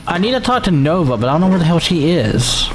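A man giving casual, animated let's-play commentary, joking and swearing freely. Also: fairly high pitch, quick pace. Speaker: gaming streamer. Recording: game music in the background.

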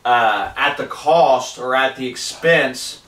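Reading scripture in a wood-paneled living room, a street preacher in his forties gives a fervent sermon in a mid-range, slightly bright voice at a slow pace. A camera across the room records him, leaving the audio roomy and distant.

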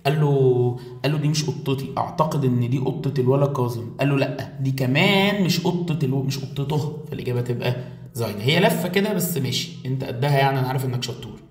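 Male teacher, Egyptian Arabic accent, mid pitch, playful review lecture, roomy off-mic sound. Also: quick pace, distant mic. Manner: lively, jokey, switching between German and Arabic. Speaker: German teacher. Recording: echoey room, voice a bit off-mic.

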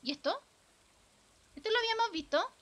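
Bright, high-voiced Chilean woman streamer. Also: lively intonation, a little fast. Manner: casual, swears a lot, chats with viewers. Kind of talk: live gameplay commentary.

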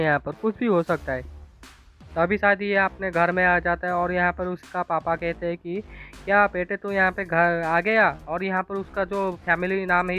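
A man's voice: high-pitched, a bit bright, clean tone. A man casually retelling a comic chapter as a recap narrator, rambling and constantly repeating filler phrases. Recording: dull lo-fi voice-over with faint music.

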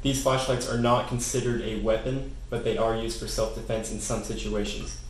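A man's voice: lowish voice, normal speed. Young man reading a product script, echoey room. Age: young adult. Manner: even, read-from-script delivery. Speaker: company presenter. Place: office room with desk. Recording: very echoey room, faint hiss.

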